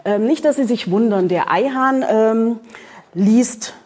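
Speaking slowly in a fairly high but darkish voice, a publisher casually moderates a book presentation for a live audience at an event venue, hesitating and filling pauses often.

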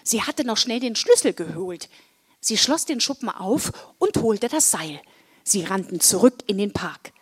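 A woman reading a children's story aloud, with an expressive, varied storytelling delivery. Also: medium pitch, unhurried, breathy edge. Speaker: story reader.

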